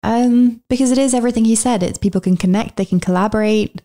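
A middle-aged woman talking in a relaxed, reflective way as an interview guest, laughing easily. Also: fairly high pitch, fast. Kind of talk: casual conversational interview.

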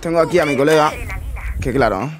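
Gaming streamer, male, fairly high voice, muttering and incredulous. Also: fast talker, noisy background. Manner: incredulous, muttering asides to himself. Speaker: gaming YouTuber. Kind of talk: casual gameplay commentary.

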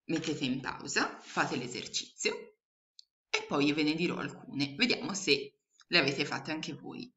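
A woman teaching young children online, slowly and patiently sounding out letters and syllables. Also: sits low, bright, forceful tone. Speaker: primary school teacher. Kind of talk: remote lesson for young children. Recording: echoey room, dull lo-fi sound.

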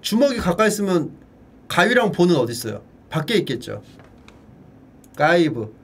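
Male streamer, husky, animated pitch, playful drill-style chat. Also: normal speed. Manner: playful, drills words by repeating them in a high echo; bursts into shouted cheers. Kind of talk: casual livestream chat.

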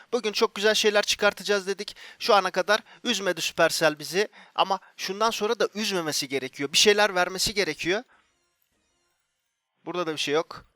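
A young man, commenting excitedly as he opens loot boxes in a mobile game, repeating himself and bursting into shouts when something good appears. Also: high voice, no echo. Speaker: gaming YouTuber.

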